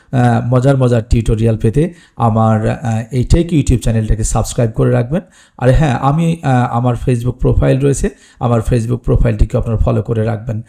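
Gravelly-voiced male pronunciation teacher. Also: medium pitch, warm tone. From Bangladesh or West Bengal. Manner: plain explanatory, with frequent "ah" fillers. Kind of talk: online lesson.

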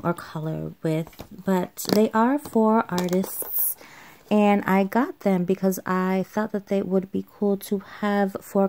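Speaking over her craft haul video through a home voiceover microphone, this tired woman meanders, uses fillers, and keeps fixing what she's said. Her voice sits mid-range and is a little mellow, with a slight hiss or hum.

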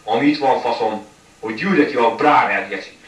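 A man giving live commentary on his own playthrough of a shooter game, swearing constantly and breaking into frustrated outbursts. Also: mid-range voice. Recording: echoey room, mic far off, faint noise.

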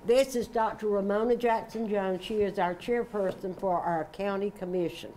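A woman's voice: medium pitch, fairly even intonation, dark tone, a little hiss or hum. Chatty older woman emceeing a party. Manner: friendly, chatty, quick asides. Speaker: senior center director. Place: large community room indoors. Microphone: handheld mic.

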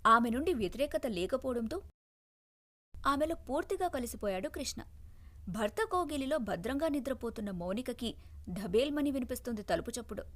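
A woman storyteller giving scripted, expressive narration of a family story. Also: fairly high pitch, normal speed.

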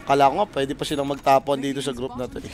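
A man's voice: mid-range voice, fast talker. A man co-casting an esports match, bantering and reacting with jokes. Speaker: co-caster. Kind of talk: casual esports banter in Tagalog.

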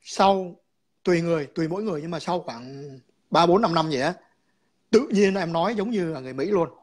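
A man's voice: fairly high pitch, a little fast. A man calling in to a chat, explaining his views in a rambling way, repeating words and slipping in English terms.

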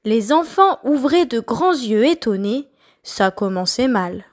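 A woman reading a children's story aloud, slowly and expressively. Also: a little high, lively intonation.

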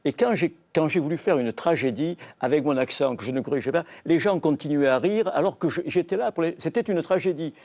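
An older man with a Marseille accent, a novelist appearing on a TV book show, tells stories earnestly in a studio, quoting and repeating phrases. His voice is on the high side and a little mellow, and he talks fairly quickly with barely any pauses.

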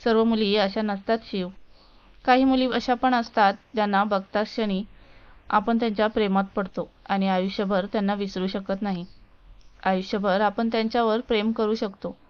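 Storybook part: a sincere young male friend, voiced by a woman narrator, gentle and pleading, smooth, dull recording. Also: medium pitch, fairly even intonation, normal speed, natural voice. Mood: earnest.

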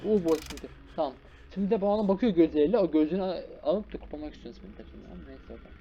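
A young man hosting a gaming channel, giving excited live commentary on a horror game and scolding its characters. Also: a little high, rapid-fire, highs cut off, slight background noise. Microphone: desk microphone.

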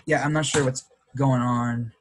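A man's voice: mid-range voice, steady tone, unhurried, noisy background. A man in an online class, speaking hesitantly over a video call whose audio is glitchy and keeps cutting out. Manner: hesitant, unsure. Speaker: student in an online faith class.

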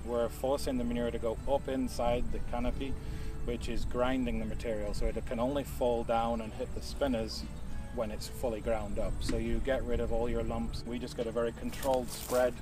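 Man explaining farm machinery outdoors, flat delivery. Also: medium pitch, moderate pace, distant mic, over music. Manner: casual, many fillers, explanatory. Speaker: product specialist. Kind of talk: outdoor product demonstration. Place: outdoors at a farm equipment show.

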